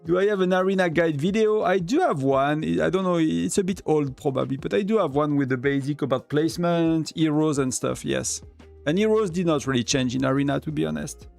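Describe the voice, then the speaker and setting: A man's voice: on the high side, a little fast, vocal fry, darkish tone, faint music behind. A man with a French accent, whose first language is French, chatting casually on a live game stream, rambling with many fillers and restarts. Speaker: gaming streamer.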